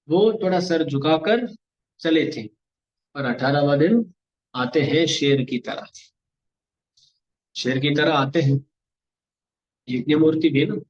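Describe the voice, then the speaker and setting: A man telling a devotional story of a saint in a lively discourse, acting out the dialogue. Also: fairly high pitch. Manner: animated, acts out dialogue of saints and God. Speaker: religious storyteller. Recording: muffled lo-fi recording.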